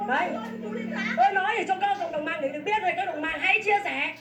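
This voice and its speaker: A woman's voice: very high-pitched, fast talker. A woman from Vietnam, a farmer making an angry public complaint in a fierce, scolding, repetitive tirade. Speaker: farmer protesting land seizure. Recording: echoey, from far off the mic.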